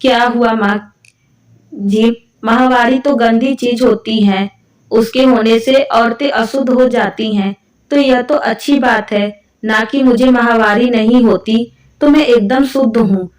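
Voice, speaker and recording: Storybook role: level-headed young working wife, read by a woman narrator, bright-ish pitch, distant mic. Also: measured pace, echoey room, close to an everyday voice. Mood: reasoning. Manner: calm, reasoning.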